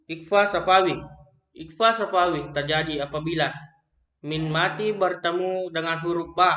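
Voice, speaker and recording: A young man with an Indonesian accent works through a recitation lesson, reading slowly from his notes and often stumbling and restarting words. His voice is bright and a little high. The room around him rings with echo. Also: muffled recording. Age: young adult. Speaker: student presenting an assignment. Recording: echoey room.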